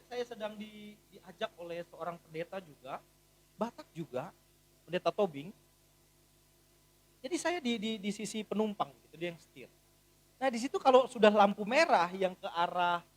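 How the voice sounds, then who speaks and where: A man in his thirties, a pastor preaching a sermon in a church and telling stories with humor, often swinging from quiet to loud. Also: high-pitched. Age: 30s. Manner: animated, humorous storytelling with big swings in loudness.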